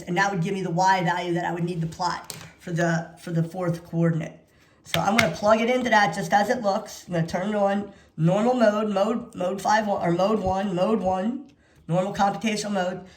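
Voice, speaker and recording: A woman teaching math in an instructional walkthrough, dictating notation piece by piece and repeating key phrases for emphasis. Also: mid-range voice. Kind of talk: instructional walkthrough of practice problems. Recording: echoey room sound.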